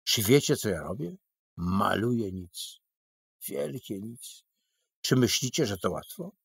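A boastful, burly male painter holds forth in grand, declaiming tones in a storybook tale, voiced by a man reading aloud. His voice is low and husky, and his delivery is slow and dry. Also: expressive, full character voice. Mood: grandiose.

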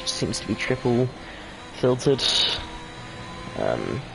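A man's voice: medium pitch, huge pitch swings, slow pace, gravelly, over music. A man giving casual sim racing commentary, tired and hesitant, with lots of ums and corrections of himself. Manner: tired and yawning. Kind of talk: casual esports race commentary.

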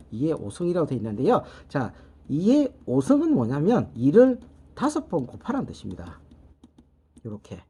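A middle-aged man gives a step-by-step math lesson, with a mellow, slightly husky voice. His pitch rises and falls a great deal as he works each calculation aloud. He keeps prompting with short interjections between steps. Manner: patient, repeats "자" and "요렇게" while working steps aloud. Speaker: network technology instructor.

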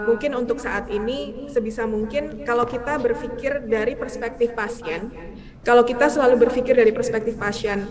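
Woman doctor on video call, higher voice, hesitant with fillers, crowd noise behind. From Indonesia. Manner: hesitant, frequent fillers, mixes in English terms. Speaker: guest physician. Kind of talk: conversational interview answers. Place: indoor room.

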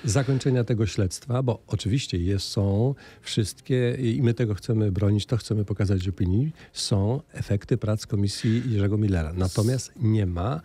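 Older man, low mellow husky voice, studio mic, measured and halting radio interview guest. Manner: measured, hesitant, many filler sounds. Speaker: politician guest. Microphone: studio microphone on boom arm.

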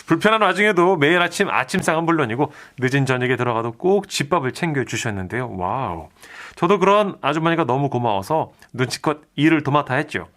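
A male radio DJ narrates a listener's letter in a polite, even storytelling manner. His voice sits a little high for a man. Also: fairly quick. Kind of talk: reading a listener's letter aloud.

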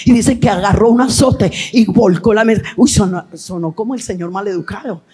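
Woman preacher, husky and fervent, given to shouted, sung cadences. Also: mid-range voice, brisk. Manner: fervent, often shouting and half-singing phrases. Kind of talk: Pentecostal sermon.

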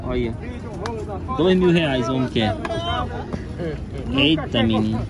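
A man's voice: medium pitch, animated, takes it slowly. A man touring an outdoor street market with his phone, chatting and haggling with sellers in a slangy, joking way. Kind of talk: casual market walkaround chat. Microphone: handheld phone camera. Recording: crowded outdoor market noise. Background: market crowd chatter.

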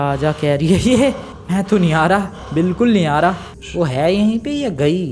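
A man giving lively, chatty commentary on his own gameplay, talking straight to his viewers. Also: a little high, slight background noise. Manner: excitable, chatty, talks to viewers as "bhai" and "guys". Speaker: gaming YouTuber.

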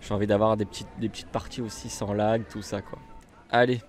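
A man's voice: on the low side, little pitch movement, brisk, a little mellow. A man with a French accent casually commenting while he plays a bus simulator, chatty and rambling with lots of fillers and restarts. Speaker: gaming YouTuber.

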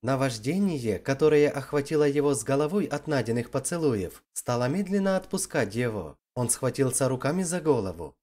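A narrator reading a dramatic love story in an expressive, lively way. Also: medium pitch, brisk, hardly any pauses.

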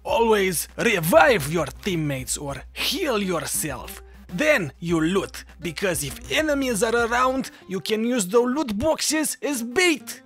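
High-pitched, slow man with Russian accent. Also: sing-song, a bit bright, husky. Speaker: gaming video creator giving tips. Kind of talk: scripted tutorial narration over gameplay. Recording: music behind the voice. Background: background music.

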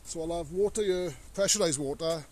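Filmed on a body-worn action camera, a man wanders his farmyard and into a cow shed for a casual walk-through vlog, showing his work along the way. He's plain-spoken and rambling. His voice is brisk, somewhat high and darkish in tone.

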